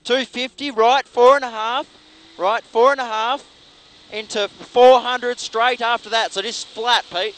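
A man co-driving in a rally car, calling rapid pace notes in urgent, clipped, repeated bursts. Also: very high-pitched, fairly even intonation, fairly bright tone. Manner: urgent, clipped, repetitive calls. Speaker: rally co-driver. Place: inside a moving rally car. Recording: in-car recording with clear vehicle noise.

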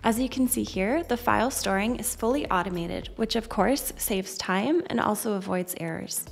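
A woman narrates a scripted software tutorial in a mid-pitched, creaky voice. Her delivery is measured and instructional, and music plays faintly behind her.

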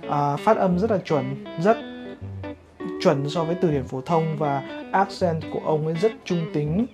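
A woman from Vietnam teaching English pronunciation in a vlog, explaining in a measured way. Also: deep voice. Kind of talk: vlog lesson commentary. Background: guitar music.

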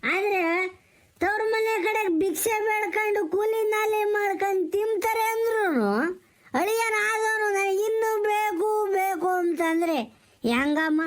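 A man playing a tipsy middle-aged village elder who pleads slowly and repeats himself. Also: very high-pitched, fairly bright tone. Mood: pleading. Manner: slow, pleading, repetitive.

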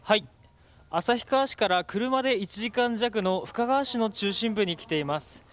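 A man working as a field reporter, giving a measured, explanatory live weather report. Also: high-pitched, a bit bright, slight background noise.

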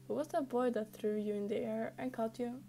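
A woman's voice: a little high, steady tone, brisk, warm tone, a little hiss or hum, lightly acted. A woman voicing a protective, teasing older brother, a young man hero, reading his lines aloud from a fan story with light emphasis.

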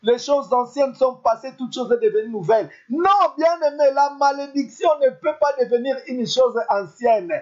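Here a pastor with a very high, animated voice moves at a moderate pace, barely pausing. Over a dull lo-fi recording, he hammers his points emphatically and repeatedly cries out "beloved" to his listeners.

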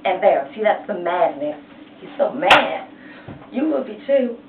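A woman's voice: medium pitch, very animated, measured pace, heavy background noise. A woman teaching a painting lesson, chatty and playful, retelling a story in slang, recorded tinny and far from the mic in an echoey room. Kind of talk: casual art lesson with storytelling.

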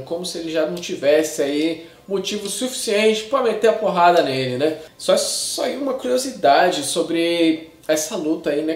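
A man's voice: high-pitched, darkish tone. A Brazilian man in his thirties chattily reviewing a film to camera in slangy, casual speech with frequent tag questions. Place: small indoor room with shelves of discs. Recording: echoey untreated room.

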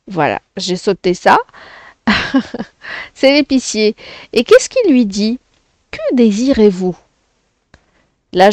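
A woman's voice: mid-range voice, darkish tone, dry recording. A woman teaching a French lesson to children, explaining patiently and often checking "d'accord?".

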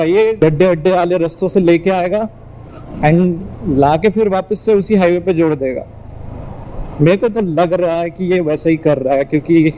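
Riding a motorbike on village roads, a young man with an Indian accent vlogs in a casual, chatty mix of Hindi and English. His voice is a little high and mellow. The rough recording clearly picks up engine and road noise.

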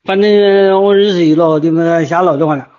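Sitting high with a steady tone, his voice is a little fast and a little mellow. He's an older Wuhan-accented man nearing retirement, distraught and agitated as he keeps repeating insistent pleas and warnings in informal group-chat voice messages recorded on a muffled, lo-fi phone.

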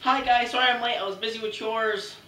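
Young man, sketch acting, apologetic, bright voice, away from mic, echoey room. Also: extremely high pitch, steady tone, a little fast, distant mic. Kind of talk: amateur comedy sketch acting. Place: room in a house. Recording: echoey home room, off-mic, faint noise.

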